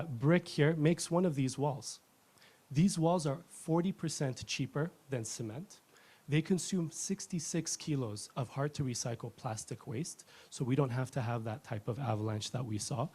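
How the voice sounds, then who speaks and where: A man in his thirties from Ethiopia, giving a rehearsed pitch as a company founder in an earnest, fluent way. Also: darkish tone.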